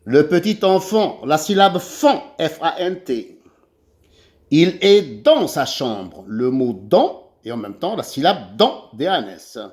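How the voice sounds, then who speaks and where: A primary school teacher with an Algerian French accent leads a children's reading lesson, spelling out syllables letter by letter. His voice is a little high and a little mellow, slow, with big swings in pitch.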